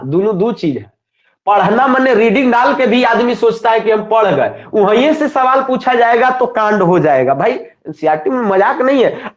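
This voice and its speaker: High-voiced man teaching with Bihari accent. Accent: Bihari Hindi. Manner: asks students questions and answers them himself, repeats key terms. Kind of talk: classroom lecture. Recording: echoey, dull lo-fi room sound.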